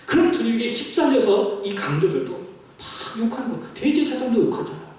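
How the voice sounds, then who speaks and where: Male pastor, high lively voice, preaching with questions to the pews; echoey church hall, mic at a distance. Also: brisk. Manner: animated preaching, asks the congregation questions. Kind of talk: sermon. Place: church sanctuary.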